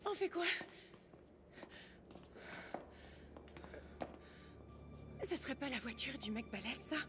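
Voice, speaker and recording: High, animated young woman, music behind. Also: quick pace. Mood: alarmed, urgent. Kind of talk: film acting.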